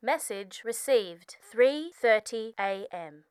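A woman's voice: a little high, animated, takes it slowly, darkish tone, smooth, dry recording. A woman voicing an impassive, formulaic automated voicemail system.

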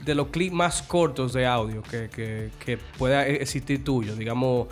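A man's voice: medium pitch, a little slow, soft background music. A man with a Dominican accent, co-hosting a podcast in a loose, joking, slangy way. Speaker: podcast co-host. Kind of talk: casual chat.

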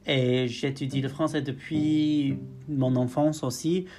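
A man's voice: mid-range voice, fairly even intonation, takes it slowly. A young man from northwest England with an English accent, co-hosting a podcast in careful learner French, joking and often correcting himself. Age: young adult. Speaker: podcast co-host. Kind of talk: casual chat in learner French.

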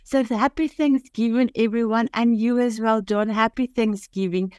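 Speaking at an ordinary pace with fairly even intonation, this older woman has a slightly high, darkish, clean-toned voice, captured dry with clean studio sound. She is from South Africa, a native Afrikaans speaker with a South African accent, appearing as a podcast guest. Her account of her own life is heartfelt and earnest, phrased simply and full of restarts.

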